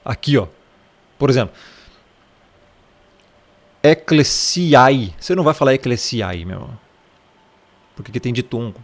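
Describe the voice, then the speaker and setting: A man's voice: mid-range voice, animated, fast, pauses often. Chatty Brazilian man teaching the Bible. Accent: Brazilian Portuguese. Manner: chatty, keeps asking "tá?" and pointing at the text. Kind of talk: casual Bible study lesson.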